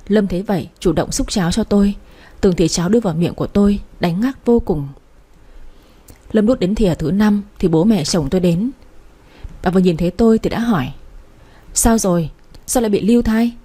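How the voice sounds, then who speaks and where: Mellow husky woman reading a story. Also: medium pitch, a little fast. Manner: reads every character in the same steady voice. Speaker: narrator. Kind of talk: audiobook reading of a romance story.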